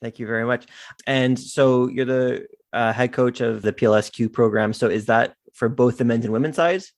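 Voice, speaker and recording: A man's voice: mid-range voice, fairly even intonation, normal speed. A man hosting a soccer podcast, introducing and interviewing with eager, loose phrasing. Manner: enthusiastic, loose with "um" and "like". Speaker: podcast host.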